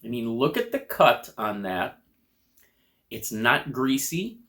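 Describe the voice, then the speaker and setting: An American man giving a casual food review to camera in a measured, descriptive way, crunching and chewing chips between remarks. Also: medium pitch, sing-song, a bit bright. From United States.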